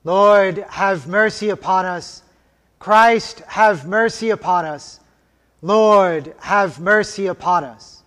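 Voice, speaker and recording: A man's voice: high-pitched, fairly bright tone. Man chanting liturgy in long cathedral echo. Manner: solemn, measured, formal. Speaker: liturgist chanting and reading at a church service. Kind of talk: chanted liturgy, slow and sustained. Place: large reverberant church.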